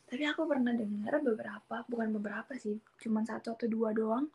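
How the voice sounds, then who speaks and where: A woman speaking as a guest in a casual chat about learning Japanese, animated and acting out what other people say. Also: fairly high pitch, quick pace, slightly rough. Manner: animated, acts out quoted speakers.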